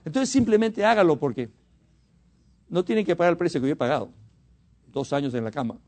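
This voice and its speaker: A fervent preacher from Mexico delivers a sermon in a fairly high voice for a man. He swings from loud, emphatic exhortation to hushed, confiding asides and repeats his words to drive each point home. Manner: fervent, rises to emphatic exhortation then drops to quiet asides.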